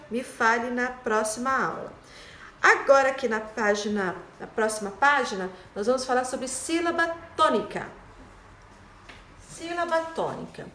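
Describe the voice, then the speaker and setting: In a recorded online lesson, a woman teaches a primary school class with a high, slightly bright voice. She explains slowly and patiently, often checking in with "né?" and "tá?", in an echoey room with slight background noise.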